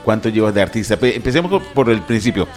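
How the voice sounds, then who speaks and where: A man hosting a radio interview, warmly announcing and welcoming a guest, then asking questions in an upbeat, conversational way. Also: fairly low pitch, animated, fast, soft background music. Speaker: radio host.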